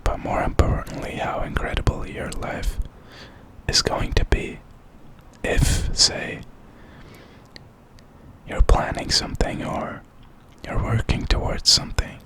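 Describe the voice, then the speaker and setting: In a low-quality recording, a man who makes ASMR content whispers a slow pep talk. The whisper is breathy and unvoiced, and he sounds reflective and encouraging.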